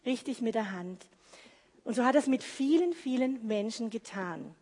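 A woman's voice: a little high, lively intonation, moderate pace, mellow, husky. A woman giving an earnest, heartfelt devotional sermon, repeating phrases for emphasis. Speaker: lay preacher. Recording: long hall reverb.

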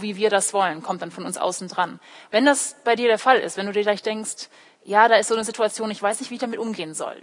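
Born in California but raised in Heidelberg, this young theology student speaks native English as she delivers a sermon at church in a voice on the high side. She explains her points straight to the congregation, adding personal illustrations and brief voiced quotes, in an echoey hall with long reverb.

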